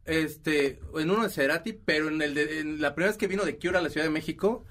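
A man with a Mexican accent, a guest on a radio show, telling animated stories and acting out what people said. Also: fairly high pitch, fast. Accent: Mexican Spanish. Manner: animated storyteller, acts out the voices of the people in his stories. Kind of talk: casual studio chat. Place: radio studio booth.

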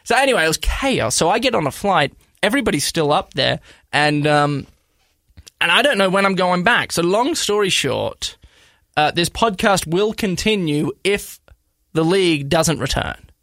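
A man in his thirties with an Australian accent, co-hosting a podcast and telling a story in a rambling, animated way with lots of fillers and restarts. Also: sits high, moderate pace, dry recording, studio quality. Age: 30s. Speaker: podcast co-host. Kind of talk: casual storytelling chat.

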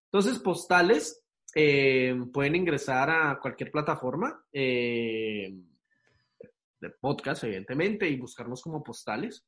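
A man telling things casually and informally as a podcast guest, with an animated storytelling manner. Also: mid-range voice, unhurried.

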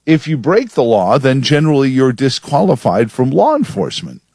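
A man's voice: mid-range voice, huge pitch swings, moderate pace, darkish tone, dry recording, studio quality. Opinionated male talk radio host. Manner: opinionated, emphatic, sardonic.

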